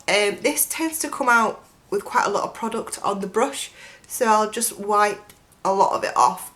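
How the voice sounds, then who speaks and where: Sitting close to the camera in a bedroom with a dressing table, a young beauty vlogger chats through a makeup tutorial in a gushing style, peppering it with "like" and "um". Her mid-range voice has a fairly bright tone, though a chest infection leaves it croaky.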